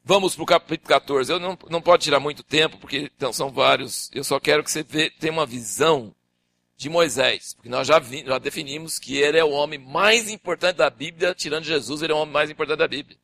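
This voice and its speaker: An older man preaching a sermon, teaching from the Bible and acting out the figures' dialogue in raised, animated voices. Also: on the high side, fast, vocal fry.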